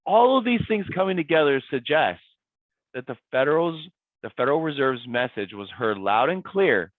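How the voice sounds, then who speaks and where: A man with a raspy voice, hoarse from a cold, presenting a weekly investment market update as an adviser, laying out his points emphatically and repeating key words. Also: mid-range voice, no room sound. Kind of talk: scripted-feeling market commentary presentation. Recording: dry, tinny phone-like sound.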